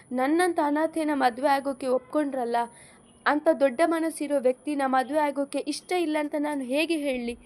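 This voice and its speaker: A woman reading an audiobook story, voicing a humble young orphan woman who speaks softly and pleadingly. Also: sits high, natural voice.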